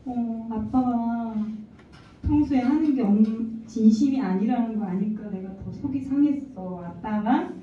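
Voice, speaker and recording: A woman's voice: on the high side, measured pace, a little hiss or hum. A woman in her forties giving a personal testimony to a congregation, telling her story earnestly and acting out the dialogue. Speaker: church member giving testimony. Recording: echoey hall, distant mic, dull lo-fi sound.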